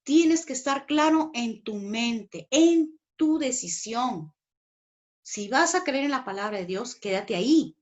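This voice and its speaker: A woman's voice: a little high, expressive, slow, muffled recording. A woman with a Peruvian Spanish accent preaching a teaching sermon, emphatic, acting out the voices of doubt and faith. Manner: emphatic, acts out inner voices.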